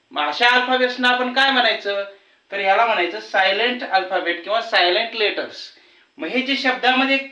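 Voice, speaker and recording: A man teaching a lesson to students, patiently explaining rules and repeating example words slowly. His first language is Marathi. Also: high-pitched, sharp tone. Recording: roomy, slightly distant, dull sound.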